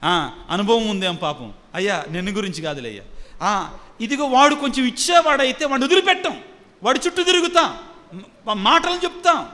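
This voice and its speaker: High, bright-voiced preaching priest. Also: male voice, sing-song, brisk. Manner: emphatic preaching, repeating phrases and asking the congregation questions. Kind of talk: sermon. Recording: long hall reverb.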